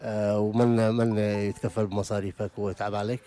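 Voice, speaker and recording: Yemeni male radio host, brisk delivery, deep-ish register, patient and formal. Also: level tone, mellow. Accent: Yemeni Arabic. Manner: formal welcomes, then patient repeated questions. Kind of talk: radio interview. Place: outdoor market.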